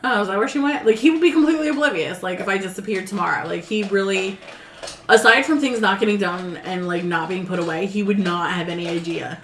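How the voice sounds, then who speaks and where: A woman's voice: mid-range voice, a little fast. A woman co-hosting a casual podcast chat, telling stories animatedly and acting out what other people said. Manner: animated storyteller, acts out quoted voices. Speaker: podcast co-host. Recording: echoey room with faint background noise.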